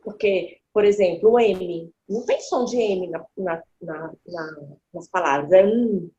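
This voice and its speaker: A woman speaking as a guest, explaining child development in animated conversation and acting out the voices she quotes. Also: on the low side, unhurried, a little hiss or hum. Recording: dull lo-fi sound.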